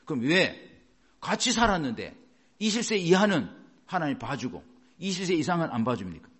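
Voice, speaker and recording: Guy preaching, super animated, lots of rhetorical questions. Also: fairly high pitch, normal speed, slightly rough. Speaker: pastor. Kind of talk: sermon.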